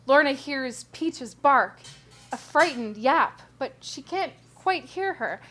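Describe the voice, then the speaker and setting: A woman reading a story in a measured, even narration. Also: high-pitched, soft background music. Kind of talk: scripted narration.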